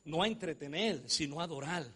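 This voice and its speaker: A man preaching a sermon, swinging from hushed storytelling to shouting and joking with his audience. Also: fairly high pitch, fairly quick, breathy edge.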